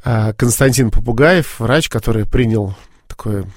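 A man as an interview guest, recounting a personal story with many pauses, fillers and restarts. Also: medium pitch, a little mellow, dry recording, clean studio sound.

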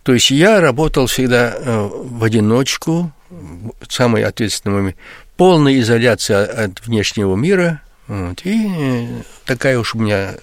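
A man's voice: medium pitch, expressive, normal speed, no echo. An older writer, a guest on a radio interview, recalling his past with many fillers and restarts.

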